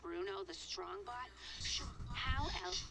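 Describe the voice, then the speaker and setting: A woman voicing a showy female fortune-teller robot in a video game, with a too smooth, sing-song android patter. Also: medium pitch, very animated, takes it slowly, over music, heavily acted. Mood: theatrical. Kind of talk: video game character dialogue.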